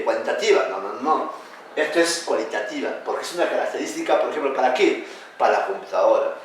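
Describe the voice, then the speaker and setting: A man teaching a class, lively and questioning, calling his students "hijo". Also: medium pitch, slight background noise. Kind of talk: classroom lecture. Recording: echoey room, speaker far from the mic.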